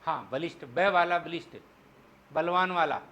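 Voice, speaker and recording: A man teaching Hindi spelling in an exam-prep lecture, explaining step by step and slowing down to spell out syllables. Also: a little high, sharp tone. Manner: explains step by step, asks the class "clear?".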